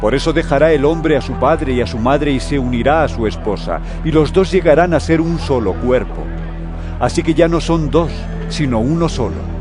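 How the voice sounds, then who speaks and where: An actor playing Jesus in an audio drama, a solemn, authoritative yet gentle male teacher speaking in measured phrases. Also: a little high, expressive, music in the background, lightly acted. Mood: firm teaching.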